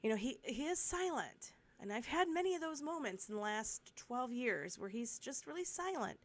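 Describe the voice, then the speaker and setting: A woman with a cold and a cough, talking through a Bible study in a chatty, rambling way, with asides and restarts, and reading the verses slowly and steadily. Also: a little high, very animated. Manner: reads scripture slowly and steadily. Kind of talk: casual Bible study talk.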